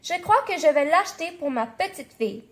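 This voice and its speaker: A woman's voice: high-pitched, lively intonation, brisk. A woman voicing a lady shopper in a storybook who cries out in alarm. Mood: admiring. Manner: shrieking in alarm.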